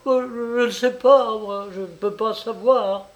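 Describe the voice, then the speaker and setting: A man voicing a fierce, desperate old peasant mother who pleads for her son in a high, shrill voice. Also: lively intonation, slow pace, a little mellow, exaggerated voice.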